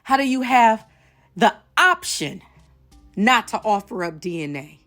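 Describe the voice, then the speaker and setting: A woman's voice: fairly high pitch, big pitch swings, a little slow, fairly bright tone, soft background music. A woman from the United States hosting an online show, giving impassioned commentary to camera, emphatic and outraged, repeating phrases for stress.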